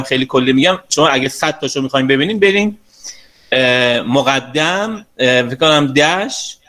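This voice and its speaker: A man's voice: medium pitch, a bit bright. A man teaching an online class as a sales and communication trainer. He speaks straight to his students in a chatty, coaxing way and teases them lightly.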